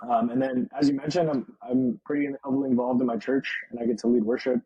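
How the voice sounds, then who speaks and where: A man's voice: mid-range voice, fairly even intonation, fast, dull audio, a crowd in the background. A man in his early thirties, a podcast guest talking easily about his life and work, with frequent laughs and fillers. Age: 30s. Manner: easygoing, laughs often, many fillers. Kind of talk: casual interview chat.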